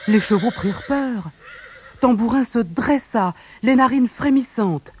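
A narrator reading a children's storybook aloud in a calm, steady way. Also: medium pitch, unhurried, a little hiss or hum. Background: faint music.

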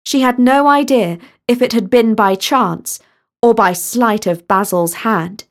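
A woman narrating a storybook in a measured, expressive way. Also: on the high side.

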